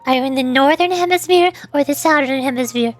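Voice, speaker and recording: A brisk, high-pitched woman, a streamer and VTuber, holds a casual chat with her livestream audience while music plays. She hesitates as she thinks aloud, repeats words in a stammer, and is a bit self-deprecating.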